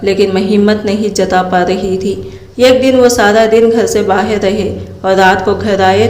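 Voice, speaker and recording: A woman's voice: mid-range voice, a little mellow. A woman telling a first-person moral story aloud, voicing its characters' lines in her own plain voice. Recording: roomy echo.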